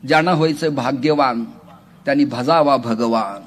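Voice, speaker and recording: A man preaching a humorous devotional kirtan sermon to a large gathering, animated and joking with the crowd, often raising his voice. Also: medium pitch, moderate pace, noisy background. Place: large outdoor religious gathering.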